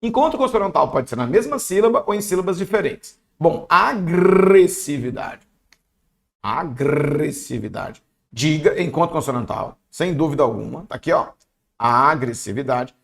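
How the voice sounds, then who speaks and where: Male teacher, exam prep, chatty and playful, rough fry in the voice. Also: a little high, expressive, brisk, fairly bright tone. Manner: playful, chatty, talks to viewers and himself. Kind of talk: online exam-prep lesson.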